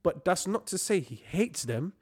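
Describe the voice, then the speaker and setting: A man's voice: high voice, sing-song, moderate pace, husky. A young man with a London roadman street accent, chatting casually and emphatically in slang as a podcast co-host, repeating phrases for stress. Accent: London, multicultural street slang.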